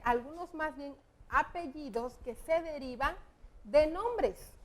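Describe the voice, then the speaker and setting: A woman teaches young pupils. Her voice sits high and she talks at a slow, deliberate pace. She explains each point patiently and clearly. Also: a bit bright. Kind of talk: classroom lesson for children.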